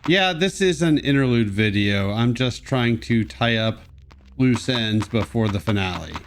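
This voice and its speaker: A man's voice: medium pitch, lively intonation, measured pace. A man giving casual, wry commentary as host of a video game let's play, with joking asides.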